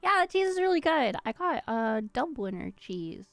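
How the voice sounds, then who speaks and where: A woman's voice: high-pitched, sing-song, moderate pace, vocal fry, fairly bright tone, no echo, soft background music. A young woman streaming a video game, chatting playfully, giggling often and swearing freely. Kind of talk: casual gameplay commentary.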